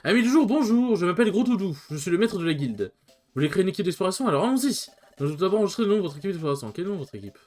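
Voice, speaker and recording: A man's voice: high voice, expressive, rapid-fire, darkish tone. A man voicing a jolly, childlike male guild master Pokémon from a video game, with a cheerful, sing-song manner.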